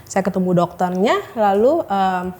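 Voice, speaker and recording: In an unhurried, dark-toned mid-range voice, a woman in her thirties shares her own painful story as an interview guest. She hesitates and uses many fillers, acting out what her doctors told her, in an emotional personal testimony.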